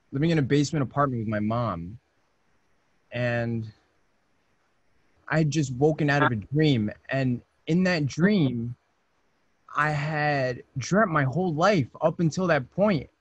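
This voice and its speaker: A man's voice: on the high side, unhurried, pauses often, husky, dry recording, dull audio. A young man acting Charlie, a restless, defensive young man lost in a strange dream space, in an amateur videoplay recorded over a video call. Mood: wistful. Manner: edgy and defensive, questions loudly.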